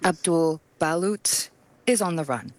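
A woman giving a live interpretation of an official's statement, halting and phrase by phrase with pauses. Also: lowish voice, a little mellow, slight background noise.

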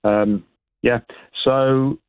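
A British man speaking as an expert guest in a radio interview, explaining informally in a hesitant, halting way with repeated words over a phone line. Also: medium pitch, steady tone, smooth, dry recording. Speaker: astronomy expert and event organiser, radio guest. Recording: band-limited tinny phone line.

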